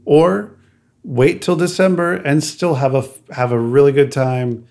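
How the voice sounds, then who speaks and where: A man's voice: a little high, fairly even intonation, unhurried, a little mellow. A man co-hosting a podcast, chatting casually with a hesitant, laughing manner. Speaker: podcast co-host. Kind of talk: casual chat.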